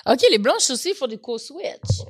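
A woman in casual chat, reacting loudly and throwing in slang. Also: sits high, big pitch swings, measured pace, breathy edge, faint music behind.

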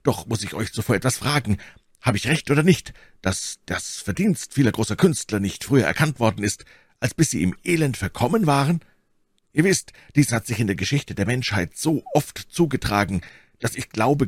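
A man voicing a calm, scheming young male painter who explains his plan earnestly and persuasively. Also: lowish voice, slightly rough, dry recording, clean studio sound.

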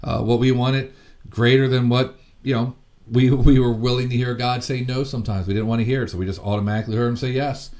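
A man's voice: mid-range voice, steady tone, fast, darkish tone. A middle-aged man preaching a sermon earnestly and from the heart, with frequent fillers and restarts. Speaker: ministry founder and preacher. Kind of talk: sermon teaching.

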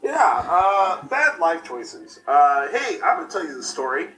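A man in his late thirties, a podcast guest and improv performer, tells a story in a rambling, halting, self-mocking way, his voice tinny as if he were inside a metal can. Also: on the high side, sing-song, sharp tone, roomy sound. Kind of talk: casual chat, storytelling. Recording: hollow, distant remote call with faint hiss.

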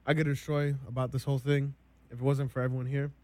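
A young man co-hosting a food taste test, reviewing each dish slowly and deliberately with many ums. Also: medium pitch, little pitch movement, darkish tone, no room sound. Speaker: co-host.

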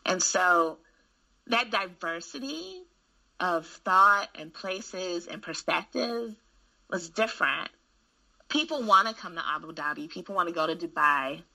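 A woman's voice: on the low side, measured pace, vocal fry, low-quality recording. A woman who works in school administration, candidly telling stories in casual conversation. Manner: candid, frank, animated storyteller with frequent restarts.

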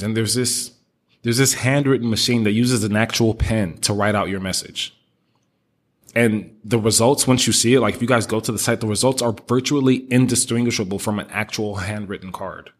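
A man hosting a business podcast, upbeat and motivational, talking straight to his listeners. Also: on the low side. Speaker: podcast host. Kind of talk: casual business podcast talk.

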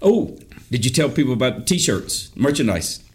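A man's voice: mid-range voice, big pitch swings, moderate pace, breathy edge. A man co-hosting a casual podcast, laughing often and humming while he chews. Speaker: podcast co-host. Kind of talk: casual chat.

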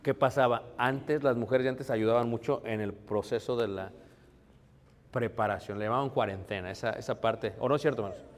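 Pastor preaching in a reverberant hall. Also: male voice, mid-range voice, a little fast, a little hiss or hum. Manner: conversational preaching, addressing the congregation as brothers. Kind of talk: sermon.

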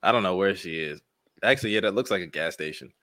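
A man's voice: low voice, fast, bright, forceful tone, dry recording, studio quality. A young American man bantering casually with friends in teasing, profane frat-bro slang. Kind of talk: casual group chat on a stream.

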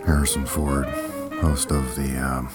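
A man voicing a stoned, apathetic radio host in a comic promo, with a halting, mumbling stoner drawl. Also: rumbling low, level tone, loud music behind the voice, voice pushed down. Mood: stoned, indifferent. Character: stoned, apathetic, slow-witted male celebrity radio host, parody.

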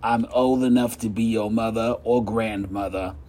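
A man's voice: lowish voice, fairly even intonation, moderate pace, close to an everyday voice. A man playing a prim older woman who keeps calling the caller "dear". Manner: soft, prim, says "dear".

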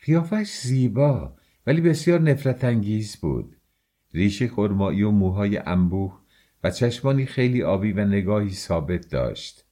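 Deep-voiced male audiobook narrator. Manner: measured, expressive storytelling. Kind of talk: scripted narration of a classic novel.

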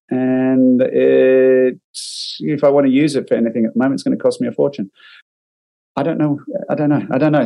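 A man with an Australian accent co-hosts a casual marketing podcast via remote call, reading and critiquing clips with wry, dry humor as a digital marketer. His medium-pitched voice has a dark tone, and the recording is low quality.

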